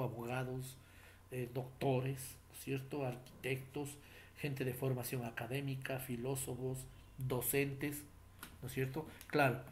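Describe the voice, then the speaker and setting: A middle-aged man lecturing like a teacher, his voice sitting at an ordinary middle pitch. He explains patiently and formally, stopping again and again to check in with tag questions. Fillers and small restarts run through his talk. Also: slight background noise. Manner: explanatory, addresses listener formally. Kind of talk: classroom lecture.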